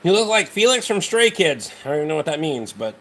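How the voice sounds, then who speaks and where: A man's voice: on the high side, very animated, fast talker, fairly bright tone, slight background noise, rough recording. A man with a Rhode Island accent chatting casually on a livestream as host, blunt, dismissive and heavily profane. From Rhode Island, United States. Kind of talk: casual livestream chat answering viewers.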